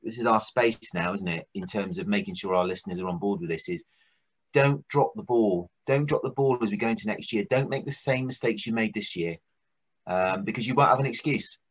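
A man's voice: fairly low pitch, fairly quick, breathy edge. A man co-hosting a business podcast, talking casually with frequent restarts. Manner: hesitant, many restarts and fillers. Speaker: podcast co-host.

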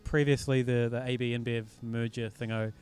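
A man with a New Zealand accent talks casually as a podcast host. His pitch sits in an ordinary middle range, and he fills gaps with ums and restarts. Faint music plays in the background. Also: moderate pace, smooth. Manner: relaxed, chatty, frequent ums and restarts. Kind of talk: casual chat about beer news.

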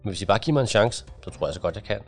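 A man's voice: lowish voice, expressive, soft background music. A man voicing an eager, cocky young male agent in an audiobook. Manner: eager, brash.

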